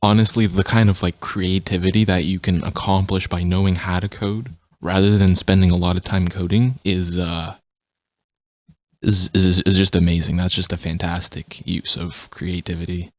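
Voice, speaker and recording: A man's voice: low voice, little pitch movement, normal speed, no room sound. A man giving casual game review commentary, often stammering and repeating his words.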